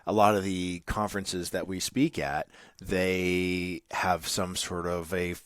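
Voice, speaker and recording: A man with a New England accent and a very low voice talks through ideas on a podcast. His delivery is thoughtful and rambling, with ums and "right?" tags, recorded dry and close. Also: little pitch movement, slow pace, no echo. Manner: thoughtful, rambling, with many ums and tag questions. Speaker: podcast co-host. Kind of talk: casual podcast chat.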